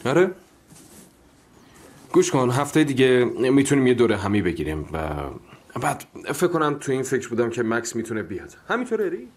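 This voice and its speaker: A man's voice: mid-range voice, sing-song, lightly acted. Chatty easygoing young guy showing a friend around, voice jumping up and down, dubbed by a man. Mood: casual. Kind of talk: dubbed drama dialogue.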